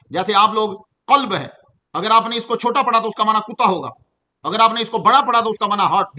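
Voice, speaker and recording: A middle-aged man from Pakistan giving a Quran commentary lesson, explaining at an easy pace and slowing down to chant the Arabic verses. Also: high voice, bright, forceful tone. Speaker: Quran teacher.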